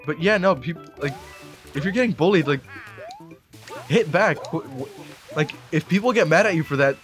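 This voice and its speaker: Rambling excitable young-sounding man gaming. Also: on the high side, normal speed, soft background music. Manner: rambling, excitable, with sudden yelps and outbursts. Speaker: gamer doing a Let's Play. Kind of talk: casual gameplay commentary.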